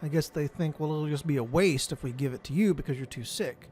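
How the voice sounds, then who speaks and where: A man's voice: on the high side, a little fast, darkish tone, a little hiss or hum. A man hosting a casual game playthrough, reading dialogue options aloud and adding musing, explanatory asides. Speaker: gaming video host.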